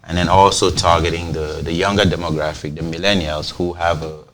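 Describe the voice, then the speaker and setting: Speaking quickly in a low, level voice with a fairly bright tone, a Cameroonian man who founded a company chats through a TV interview. He explains at great length and keeps repeating words as he begins new phrases.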